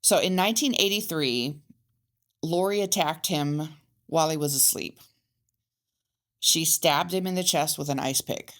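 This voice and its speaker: A woman's voice: low voice, unhurried, pauses often. A woman co-hosting a casual true-crime podcast, reading case facts with hesitant fillers. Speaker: podcast co-host telling the case.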